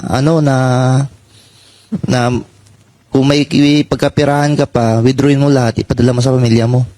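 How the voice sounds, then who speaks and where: A man, a former marine, giving personal testimony in a halting way and saying "sir" after nearly every phrase. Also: medium pitch, a little mellow, no echo.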